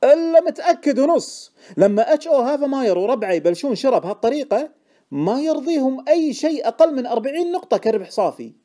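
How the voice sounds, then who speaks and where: A man with a Gulf Arabic accent voicing an excitable, insistent male stock tipster in an audiobook. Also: on the high side, moderate pace, voice pushed up. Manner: insistent, indignant, loud. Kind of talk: audiobook character voice.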